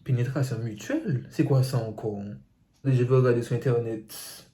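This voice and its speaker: A man's voice: mid-range voice, fairly even intonation, normal speed, mellow. A man reading out viewer secrets on his phone and reacting to them with teasing asides. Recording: roomy echo.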